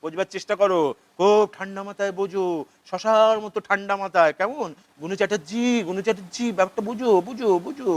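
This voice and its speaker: A man's voice: sits high, fairly quick. A man playing a frantic, ranting father of the bride. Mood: exasperated ranting. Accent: Kolkata Bengali. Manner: ranting, shouting, sarcastic, repeating himself. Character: frantic middle-aged father of the bride, money-obsessed. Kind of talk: theatre play reading.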